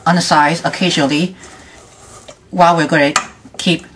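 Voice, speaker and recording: Lower-voiced woman hosting a home cooking demo. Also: fairly even intonation, fairly bright tone. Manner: halting, loose phrasing with restarts. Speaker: home cooking show host. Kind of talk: casual cooking demonstration. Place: home kitchen.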